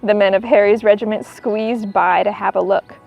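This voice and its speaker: A woman reading a children's book aloud in an expressive storytelling style, as a narrator for young listeners. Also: medium pitch, normal speed, creaky, lo-fi sound, soft background music.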